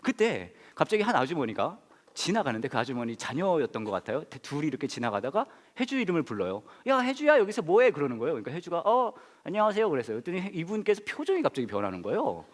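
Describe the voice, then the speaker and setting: A man's voice: mid-range voice, big pitch swings, fast talker. A man in his thirties, a pastor, telling a funny personal story in a sermon, acting out the other people's voices and laughing often. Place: church hall. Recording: long hall reverb.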